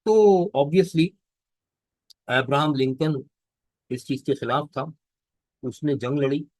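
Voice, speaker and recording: Dry-voiced teacher reading and explaining. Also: male voice, a little high, darkish tone, dry recording, rough recording. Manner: reads English lines slowly, then explains in Hindustani with Urdu words; asks rhetorical questions and answers them. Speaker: English teacher. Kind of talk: lecture explaining a text line by line.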